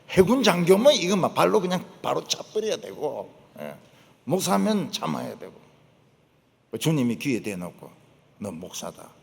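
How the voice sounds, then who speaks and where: An older man preaching, emphatic, repeating his points and dropping to low asides. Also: creaky. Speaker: pastor. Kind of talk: sermon. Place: church sanctuary. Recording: long church hall reverb.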